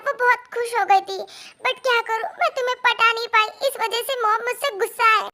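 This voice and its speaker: Fan-dub heroine: woman, very high and bright, wistful and heartfelt. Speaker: fan dubbing voice actress. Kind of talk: Hindi fan dubbing drama.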